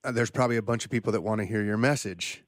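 A man's voice: fairly low pitch, very fast, no room sound. Man, interview host, chatty, joking, dry close recording. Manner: chatty, loose, joking asides. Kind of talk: casual interview talk.

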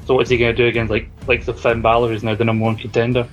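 A man chats as a panelist on a casual podcast, loose and conversational. His mid-pitched voice stays quite flat, with music underneath. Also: racing, rough recording. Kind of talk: casual wrestling opinion chat.

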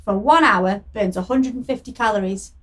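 A woman's voice: medium pitch, normal speed. A woman co-hosting a podcast in casual, jokey chat, often laughing. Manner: chatty and giggly, jokey. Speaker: podcast co-host.

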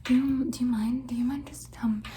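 A woman doing fast-paced whispered ASMR, repeating words and phrases insistently in a pleading way. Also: on the high side, steady tone, mellow, slight background noise. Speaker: ASMR performer.

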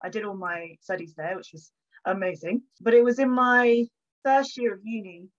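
A woman's voice: medium pitch, normal speed. A young woman with a southern English accent, a historian guesting on a podcast, telling stories in a chatty, informal, self-deprecating way. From Buckinghamshire, England. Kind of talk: casual conversational storytelling. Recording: dull, band-limited audio.

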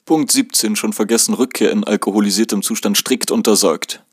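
A man's voice: lowish voice, a little fast, slightly rough, no room sound, clean studio sound. A man reading as a stern female dorm guard. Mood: strict. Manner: strict, commanding. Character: stern middle-aged female dormitory guard.

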